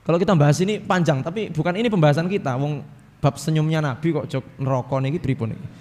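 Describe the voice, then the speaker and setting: A man with an East Javanese accent preaching a sermon, lively and joking, acting out little dialogues. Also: a little high, fast. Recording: reverberant hall.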